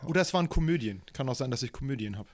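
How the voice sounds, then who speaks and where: A man's voice: medium pitch, animated, racing, darkish tone, no room sound. A man co-hosting a podcast, chatting in a laid-back, dry way. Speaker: podcast co-host. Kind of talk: casual chat.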